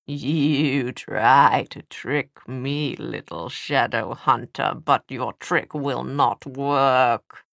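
A woman voicing a bitter, proud female demon with a high, thin voice, drawn out slowly and hissing. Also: vocal fry, a bit bright, no room sound, clean studio sound, full character voice. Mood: angry.

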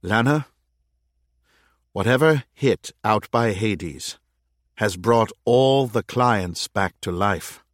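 A man voicing a careful, patient male adviser who speaks in measured tones, in a dry recording. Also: fairly low pitch, lively intonation, no echo. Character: careful, level-headed man advising the mayor.

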